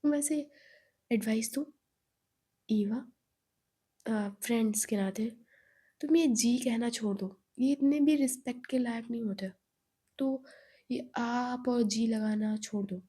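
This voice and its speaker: A woman's voice: fairly high pitch, takes it slowly, long pauses, warm tone, husky. A woman voicing a blunt, teasing young woman. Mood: indignant. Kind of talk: storytelling role voice.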